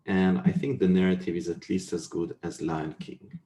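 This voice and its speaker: A man's voice: sits low, flat delivery, moderate pace, dark tone, slight background noise. A man giving an explanatory technical lecture over an echoey video call. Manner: explanatory, checks understanding with questions. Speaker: university lecturer. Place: indoors, online video call.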